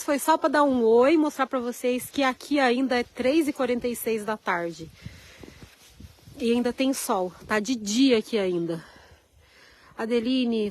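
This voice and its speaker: A woman's voice: a little high, dry recording, rough recording. A woman with a Carioca Brazilian accent, chatting on a live vlog outdoors in the snow, greeting viewers by name as she walks around, feeling the cold. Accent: Carioca Brazilian Portuguese. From Rio de Janeiro, Brazil. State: cold, chilled hands. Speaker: vlogger. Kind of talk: live-stream chat outdoors, reading viewer comments. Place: outdoors at a snowy RV park.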